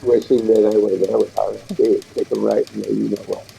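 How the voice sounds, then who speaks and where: A man's voice: on the low side, little pitch movement, fairly quick, gravelly, music in the background. A man joining a casual chat remotely, his brief laid-back replies coming through with a tinny tin-can sound. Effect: tinny tin-can sound over a remote line. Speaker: remote guest.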